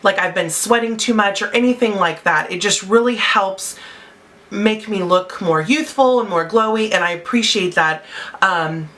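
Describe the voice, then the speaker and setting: A woman's voice: medium pitch, normal speed, fairly bright tone. A young adult woman chatting casually through a beauty product review at home, a little out of breath, with lots of fillers. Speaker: beauty vlogger. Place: home, natural window light.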